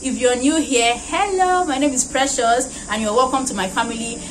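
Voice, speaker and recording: A woman's voice: sits high, moderate pace. A young woman in her twenties with a Nigerian accent, chatting animatedly on her vlog and slipping into pidgin. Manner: animated, laughing, mixing in pidgin. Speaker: vlogger. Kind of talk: casual vlog chat. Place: indoors at a doorway. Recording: noisy background.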